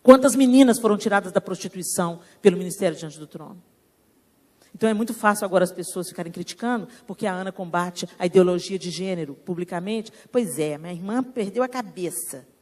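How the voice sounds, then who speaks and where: A woman's voice: lowish voice, fast talker, a little mellow. A Brazilian woman pastor preaching a sermon in a church, asking rhetorical questions and rising into emphatic preaching.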